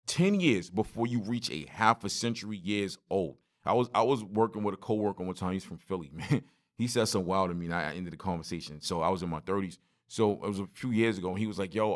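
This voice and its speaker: A man, hosting a solo podcast and telling stories in lively street slang straight to his listeners. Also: lowish voice. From Brooklyn, New York. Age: 40s. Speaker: podcast host.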